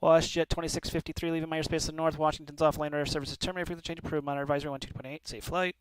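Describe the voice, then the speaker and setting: A man's voice: a little high, level tone, racing, smooth, no room sound. A man working as an air traffic controller, giving procedural, clipped radio instructions with courteous sign-offs. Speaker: air traffic controller on a flight-simulation network.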